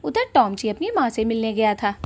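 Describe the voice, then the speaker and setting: A woman narrating a cartoon story in a plain, steady way. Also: on the high side, fairly quick.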